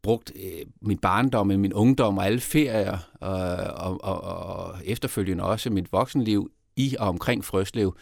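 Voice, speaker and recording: A man's voice: sits low, vocal fry, hardly any pauses, no echo, studio quality. A middle-aged man with a Copenhagen Danish accent, a mayoral candidate answering podcast interview questions with many restarts and fillers. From Denmark.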